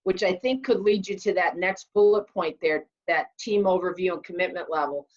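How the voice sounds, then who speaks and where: A woman's voice: on the low side, moderate pace, darkish tone. A woman from the athletics staff hosting a virtual info session, speaking confidently and persuasively over a video call. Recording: dull lo-fi video call audio.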